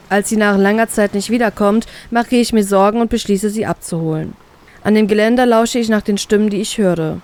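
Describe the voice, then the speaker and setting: A woman reading a first-person fan fiction story aloud, expressive and giving the characters' lines their own colour. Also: mid-range voice.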